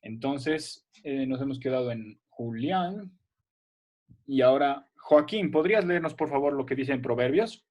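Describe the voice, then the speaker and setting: A man's voice: medium pitch, lively intonation, unhurried, a little mellow. Patient man teaching kids online. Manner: patient, explaining step by step with frequent "¿ya?" checks. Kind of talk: online class for children.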